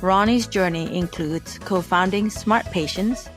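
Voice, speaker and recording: A woman's voice: on the low side, a little slow, faint music behind. A woman hosting a podcast, reading a formal guest introduction and then opening the conversation in a friendly way. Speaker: podcast host. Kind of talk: scripted introduction and interview.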